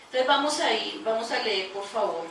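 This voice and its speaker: A woman's voice: fairly high pitch, lively intonation, moderate pace, fairly bright tone, slight background noise. A woman pastor preaching a sermon, praying aloud with fervour and reading scripture to her congregation. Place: large echoey church hall. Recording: very echoey church recording from far off.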